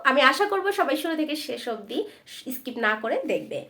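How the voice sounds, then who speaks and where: A woman teacher giving a patient spelling lesson at a board, repeating each word slowly for her learners. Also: high-pitched, very animated, vocal fry, pushed and bright, reverberant.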